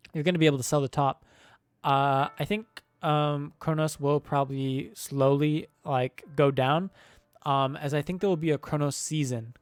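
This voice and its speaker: A man's voice: a little high, clean tone, no echo. A young man hosting a crypto channel, talking through his screen in a casual, rambling way with many fillers and restarts, his mouth sore so speech comes with some effort. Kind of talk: casual screen-share commentary.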